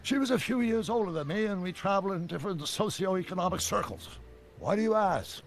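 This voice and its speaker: An actor playing an older, excitable male scientist who rambles through long explanations. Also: high voice, a little fast, faint music behind. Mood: chatty.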